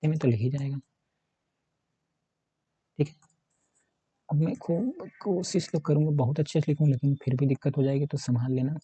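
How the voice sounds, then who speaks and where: Husky-voiced man teaching grammar. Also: fairly high pitch, moderate pace, pauses often, mellow, no echo, muffled recording. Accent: Hindi of Uttar Pradesh. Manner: repetitive, keeps asking 'है ना'; talks while writing on a board. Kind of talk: casual exam-prep grammar lesson.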